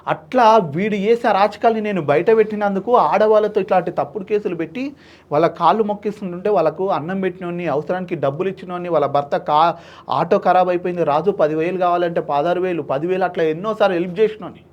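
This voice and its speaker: A man, telling an emotional story in an interview, animated and acting out the voices of people he quotes. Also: sits high, quick pace, muffled recording. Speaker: social activist guest.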